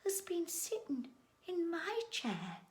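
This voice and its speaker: A woman voicing a gentle mother bear who speaks in a quiet, hushed voice. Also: very high-pitched, very animated, slow pace, echoey room, pitched above the performer's own voice, heavily acted. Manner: hushed, soft.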